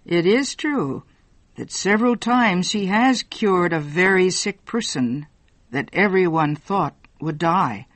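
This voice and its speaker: The storyteller voicing an old professor of medicine who speaks gravely and slowly. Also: medium pitch, lively intonation, a bit bright, dry recording.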